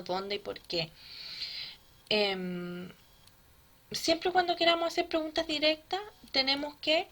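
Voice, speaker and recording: Woman, teacher, grammar lesson for children, bright tone, patient, checks understanding often. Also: on the high side.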